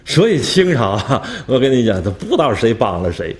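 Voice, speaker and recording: A male history professor with a medium-pitched voice gives a very animated, brisk storytelling lecture, asking rhetorical questions and chuckling at his own anecdotes. The lecture hall adds a roomy echo.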